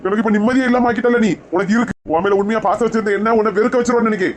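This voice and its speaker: Quick scolding man, Kanyakumari accent. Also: high-pitched, steady tone, slight background noise. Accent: Kanyakumari Tamil. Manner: scolding, quarrelsome. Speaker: comedy skit actor. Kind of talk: scripted comic skit, arguing husband.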